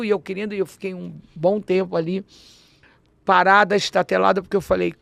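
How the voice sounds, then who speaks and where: A woman, a guest on a podcast interview, telling a personal story in an animated way, acting out dialogue and often restarting her sentences. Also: on the low side, gravelly, dry recording.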